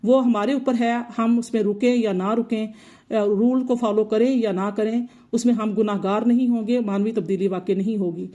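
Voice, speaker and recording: A woman's voice: a little high, fairly even intonation, normal speed, warm tone, lo-fi sound. A woman teacher explaining Quran recitation rules patiently, often repeating her points. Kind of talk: explanatory tajweed lesson.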